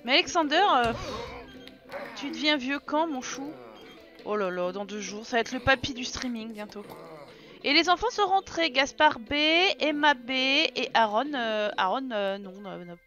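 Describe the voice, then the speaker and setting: A woman's voice: fairly high pitch, animated, measured pace, sharp tone, dull audio, faint music behind. A woman with a French accent giving casual, chatty commentary on her own Let's Play, teasing and scolding the characters on screen.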